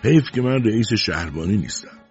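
A man voicing a boastful, meddling middle-aged village man who talks loudly and excitedly. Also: on the low side, faint music behind. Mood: excited, pushy. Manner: loud, excitable, self-assured. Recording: dull lo-fi recording.

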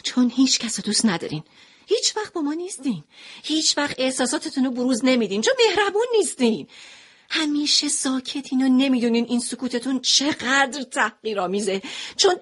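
A woman tells a dramatic audio story in the first person, her high, slightly rough voice moving expressively from hushed narration into passionate stretches.

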